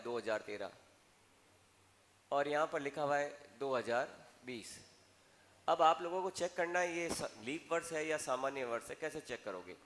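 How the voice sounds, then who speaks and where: A male teacher with a Rajasthani Hindi accent lectures a live class, firing questions at the students and chiding those who drift off. His voice sits a little high, and a long classroom reverb trails behind each phrase. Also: fairly bright tone. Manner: coaxing, scolding students, asks questions to the class.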